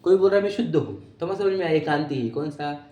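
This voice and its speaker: A man's voice: on the high side, animated, fast, warm tone, slight background noise. Man teaching in an echoey room. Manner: keeps checking that listeners follow. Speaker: teacher of Jain philosophy. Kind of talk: explanatory religious lecture.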